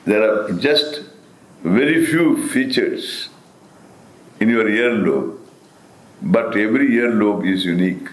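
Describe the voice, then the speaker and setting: Slow Indian man teaching, swooping pitch. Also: animated. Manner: deliberate, emphatic, with repetition and rhetorical questions. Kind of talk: spiritual discourse. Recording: roomy, echoing sound.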